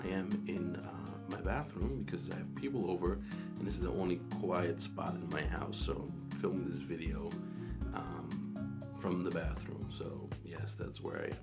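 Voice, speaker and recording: A man's voice: low voice, moderate pace, gravelly. A man vlogging about tech in a rambling, casual way, recorded on a phone in a small echoey bathroom. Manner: rambling, many restarts and fillers. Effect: echoey bathroom sound. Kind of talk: casual tech talk to camera. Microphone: phone camera. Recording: echoey bathroom with background guitar music.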